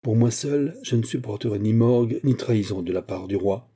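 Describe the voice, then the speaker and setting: A man reads a proud, hot-tempered aging musketeer captain in an audiobook. His retorts come sharp and indignant, in a very dark, husky voice. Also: on the low side, brisk. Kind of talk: audiobook reading.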